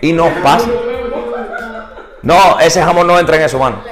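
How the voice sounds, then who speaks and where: A man leads a real estate seminar, his voice sitting slightly higher than most men's. He swings from loud, high bursts of emphasis down to quiet, low asides and keeps asking the room questions. Soft music plays faintly underneath. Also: moderate pace. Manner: rhetorical questions and asides to the audience; mixes English words into Spanish. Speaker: real estate business coach. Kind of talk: live seminar talk to agents.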